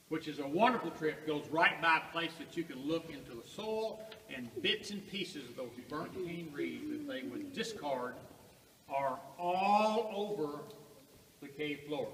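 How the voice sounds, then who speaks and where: A man guiding a group through a cave, talking unhurriedly with rhetorical questions and pauses, his voice ringing with cave echo and picked up from a distance. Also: fairly high pitch, sharp tone. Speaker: cave tour guide. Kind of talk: guided tour talk. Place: inside a large cave. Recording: echoey cave from far off, faint noise.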